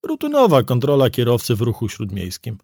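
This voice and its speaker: A man's voice: medium pitch, huge pitch swings, fairly quick, gravelly, darkish tone, breathy edge, no room sound, clean studio sound, heavily acted. A man doing a sarcastic traffic cop sergeant. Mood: mocking. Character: sour, mocking male traffic police sergeant. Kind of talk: audiobook character voice.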